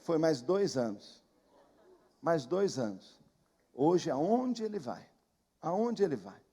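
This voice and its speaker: A man's voice: on the high side, sing-song, takes it slowly, mellow, breathy edge, big-room sound. A man with a Brazilian Portuguese accent preaching a sermon, telling a story emphatically and repeating phrases for effect. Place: church.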